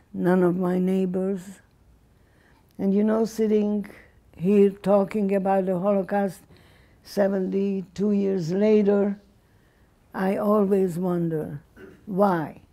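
An elderly woman in her nineties gives a personal testimony. She speaks slowly, in a mellow, soft tone. She is halting and often pauses or restarts her sentences. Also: medium pitch. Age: 90s. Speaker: survivor and lecturer.

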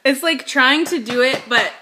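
A young adult woman co-hosting a challenge video for a home vlog talks casually in a kitchen, set slightly back from the device's camera mic. Her high voice is pushed and bright at a normal speed, with a little hiss or hum in the recording.

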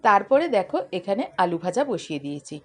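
A middle-aged woman with a hoarse, coughing voice, chatting straight to her viewers in a casual daily vlog. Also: mid-range voice, very animated, brisk. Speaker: vlogger.

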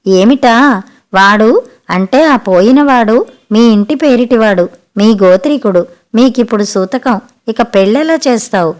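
A woman reading a story aloud, voicing an older female relative who scolds loudly and clings to tradition. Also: a little high, expressive, a little slow. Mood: scolding. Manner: loud, scolding, domineering. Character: bossy older woman relative, rigid about custom. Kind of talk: audiobook character voice.

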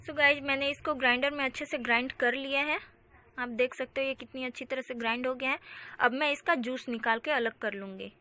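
Woman, vlog host, high chatty tutorial voice-over. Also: fairly even intonation, fairly quick, pushed and bright. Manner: chatty, repeats "so guys". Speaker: beauty channel host.

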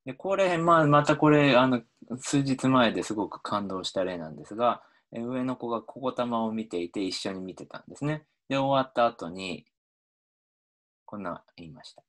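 A man lecturing on linguistics over slides, talking in an animated way with many hesitations, fillers and restarts. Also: normal speed. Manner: animated, pitch swinging up and down. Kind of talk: explaining phonology over slides.

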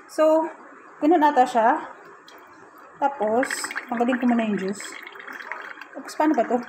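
A woman's voice: high voice, a little slow, noisy background. A woman chatting casually in a home kitchen vlog, giggly and self-mocking. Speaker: vlogger.

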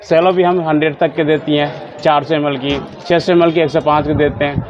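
A man in his thirties giving a steady salesman's patter in a small crowded shop, running through brands and prices. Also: fairly high pitch, fairly quick. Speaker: wholesale shopkeeper. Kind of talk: sales pitch for a shop tour. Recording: slightly dull, faint background hum.

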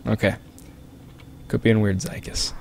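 A man's voice: on the low side, flat delivery, normal speed, vocal fry, a little hiss or hum. A man casually commentating a game on a close microphone, joking and rambling at viewers. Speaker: let's play commentator. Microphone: close desk microphone.

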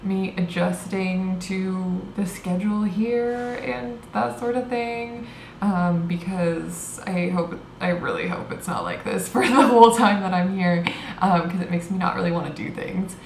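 Speaking a little slowly with vocal fry, this twenty-something woman has a mid-range voice and chats to a close-up handheld camera inside a small hotel room. It's a casual vlog, rambling and packed with fillers and little laughs. Faint hiss and a roomy hotel-room echo color the audio.

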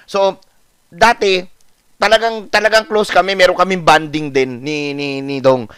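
A man's voice: sits high, normal speed, clean tone, no echo, clean studio sound. A man from the Philippines telling a story in a casual vlog, acting out the dialogue and repeating lines. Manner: animated, acts out dialogue with repetition. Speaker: vlogger.

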